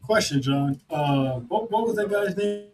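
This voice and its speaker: A man co-hosts a relaxed podcast, chatting casually. His voice sits a bit high for a man and jumps around with animated energy, often doubling up his words. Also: unhurried, a little hiss or hum, low-quality recording. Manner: animated, repeats words, laughs. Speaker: podcast co-host. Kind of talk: casual chat. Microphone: remote call setup.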